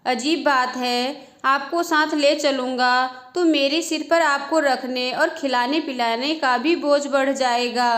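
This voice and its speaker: A woman's voice: sits high, a bit bright. A woman voicing a polite, kind-hearted young male thief in a storybook reading. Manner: polite, reasoning.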